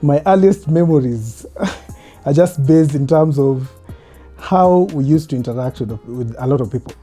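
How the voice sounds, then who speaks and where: Mellow-voiced Kenyan man in his thirties. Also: on the high side, normal speed, soft background music. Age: 30s. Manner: relaxed, reflective, laughs often. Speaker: guest. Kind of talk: casual interview.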